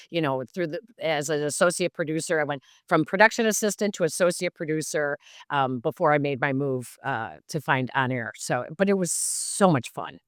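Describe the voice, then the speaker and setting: Low-voiced, chatty woman broadcaster in her fifties. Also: no echo, studio quality. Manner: animated, rambling with many fillers. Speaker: sports broadcaster, podcast guest. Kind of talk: casual anecdotal storytelling.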